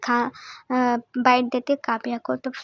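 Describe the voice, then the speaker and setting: High-voiced young woman telling a chatty story. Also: monotone, a little slow, highs cut off. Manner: chatty, loose storytelling with fillers and laughs. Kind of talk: casual spoken story retelling.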